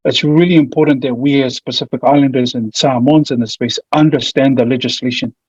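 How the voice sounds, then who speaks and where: A man's voice: mid-range voice, steady tone, fairly quick, a little mellow, breathy edge. A man with a broad New Zealand accent giving an informal, slightly hesitant online presentation. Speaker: presenter, family violence mediator. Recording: muffled, echoey room audio.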